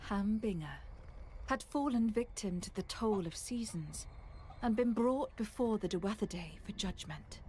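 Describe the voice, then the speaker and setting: A woman playing a solemn storyteller, narrating a fantasy tale in a grave, measured, scripted way. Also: medium pitch, a little mellow, slight background noise, natural voice.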